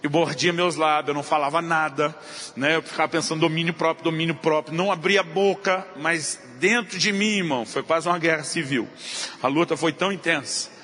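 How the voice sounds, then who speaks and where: A man preaching to a church congregation, telling a humorous family story in an animated way. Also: on the high side, a little fast. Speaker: pastor. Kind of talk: storytelling sermon. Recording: reverberant church hall, faint noise.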